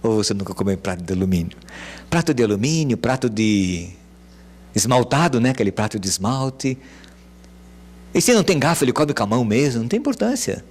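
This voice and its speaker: A male pastor preaching a sermon, swinging from hushed, whispered lines to loud calls. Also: mid-range voice, animated, fairly quick. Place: church.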